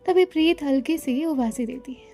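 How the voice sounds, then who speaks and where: Female storyteller, high and warm, soft music bed beneath. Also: normal speed. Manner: reads every character's lines in her own voice, calm and even. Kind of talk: scripted story narration.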